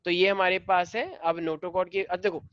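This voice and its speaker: A man's voice: sits high, fairly even intonation, measured pace, fairly bright tone, dry recording. Male teacher mid-lesson, quizzing the class, dull dry recording. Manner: mixes Hindi and English, quizzes students, affectionate. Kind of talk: classroom lecture.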